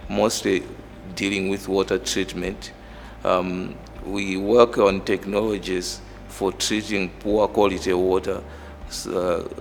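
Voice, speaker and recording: A Malawian engineering professor with a very low voice gives an interview monologue about his work and background. He's recorded in a reverberant hall with music playing underneath and a little background noise.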